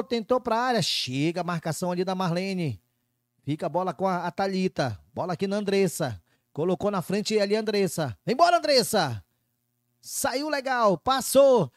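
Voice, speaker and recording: A man's voice: high voice, no echo, clean studio sound. A Brazilian man calling a football match live, play by play.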